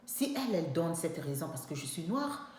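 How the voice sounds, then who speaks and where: A young woman tells a personal story in an animated, emphatic way, acting out what people said. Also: deep voice, fairly quick. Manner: animated, emphatic, acts out dialogue. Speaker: vlogger telling a personal story. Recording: very echoey room with faint background noise.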